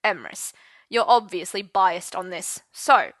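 Cold older headmaster, voiced by a woman: slow, softly threatening, tense. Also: fairly low pitch, lively intonation, dry recording. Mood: dismissive. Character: menacing older male headmaster, cold and controlling. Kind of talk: audiobook character voice.

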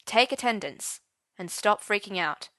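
A woman's voice: medium pitch, lively intonation, measured pace, sharp tone, no room sound. A woman voicing a young male teacher who speaks bluntly and with heated indignation. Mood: firm. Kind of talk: audiobook character voice.

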